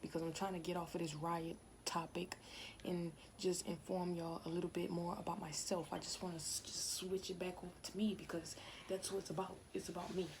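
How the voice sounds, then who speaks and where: A young woman in her twenties rambles on to her camera at home, chatty and full of asides. Her voice sits fairly low. The home video recording has a clear hiss of noise behind her. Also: level tone, brisk, poor audio. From Louisiana, USA. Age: 20s. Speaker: vlogger. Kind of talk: casual talk to camera. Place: home, indoors.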